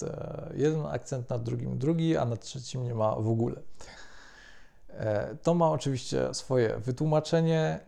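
Gravelly-voiced man explaining a lesson. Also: mid-range voice, dark tone. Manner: measured, hesitant with frequent fillers. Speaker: language teacher.

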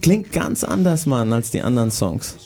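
A man's voice: mid-range voice, big pitch swings, normal speed, a little mellow. A man hosting a casual studio chat, rambling and searching for his words. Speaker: host.

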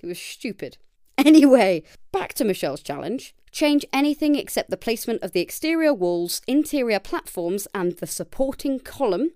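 Chatty, lively woman podcaster. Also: a little high, normal speed, no room sound, studio quality. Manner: chatty and self-deprecating, lively. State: tired, late at night. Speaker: podcast host. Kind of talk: casual solo podcast reading listener challenges.

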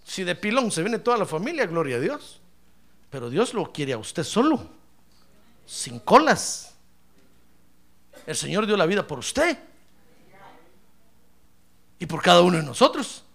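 A man's voice: sits high, sing-song, moderate pace, gravelly, long pauses, fairly bright tone. A man preaching a sermon in church, emphatic and ironic, often calling his listener brother. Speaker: pastor.

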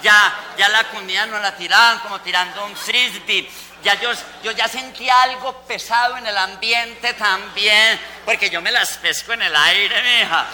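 A comic storyteller, this man uses a high, bright, forceful voice, steady in tone and normal in speed, to play a gossipy elderly woman from Antioquia at a school fair. His Antioquian Colombian accent colors a chatty, wry stage tale packed with mock quotes, with a little hiss or hum audible.

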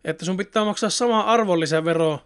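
A man's voice: high-pitched, a bit bright, clean tone. A man in casual conversation, talking in a rambling, chatty way with many fillers. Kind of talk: casual chat.

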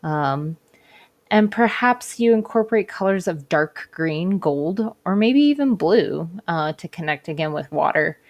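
A woman hosting a casual spiritual talk and tarot reading, speaking in a gently encouraging, hesitant, informal way. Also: fairly low pitch, animated, a little slow. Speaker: podcast host and tarot reader. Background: cards being shuffled at times.

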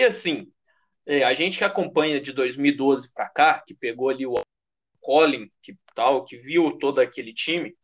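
A high-voiced man with a Brazilian Portuguese accent comments on American football as a fan, casual and heated. He uses slang, speaks emphatically, swears freely, and repeats phrases to hammer his point home.

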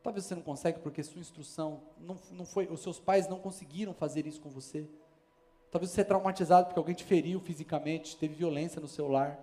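A man's voice: on the high side, steady tone, fast talker, mellow, soft background music. A man with a Brazilian Portuguese accent preaching a sermon as a pastor, emphatic and building in force. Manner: emphatic, preaching with rising force and sudden calls. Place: church service.

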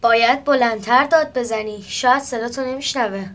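A woman's voice: on the high side, a bit bright, pitched above the performer's own voice, natural voice. A woman voicing an eager little boy giving advice in a children's storybook.

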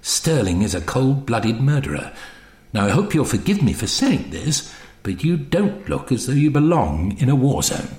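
Man playing the Doctor, gruff little time-traveller. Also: mid-range voice, big pitch swings, moderate pace, a little mellow, reverberant. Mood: flustered, grave. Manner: hesitant, stammering when addressing strangers.

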